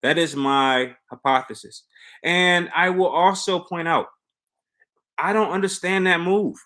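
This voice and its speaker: A man's voice: fairly high pitch, unhurried, pushed and bright. A man hosting a live commentary stream, talking conversationally and giving opinions with rhetorical questions and emphatic repetition. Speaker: host of a reality show commentary stream.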